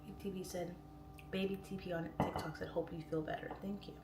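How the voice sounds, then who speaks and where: Low-voiced woman, tongue-piercing speech, echoey room. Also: fairly even intonation, fast. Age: late 30s. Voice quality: slightly impeded speech from a swollen, newly pierced tongue. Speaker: livestream host. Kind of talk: casual livestream chat, reading viewer comments aloud. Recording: roomy echo, distant mic, clear background noise.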